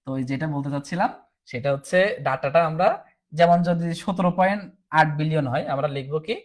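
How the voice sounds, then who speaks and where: A man's voice: on the high side, fast. A man teaching a recorded exam-prep class, explaining step by step and often asking "ঠিক আছে?", sounding tired. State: tired, low on energy.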